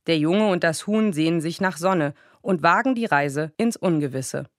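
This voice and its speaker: A woman's voice: deep voice, normal speed, no echo, clean studio sound. Woman reading a radio book review.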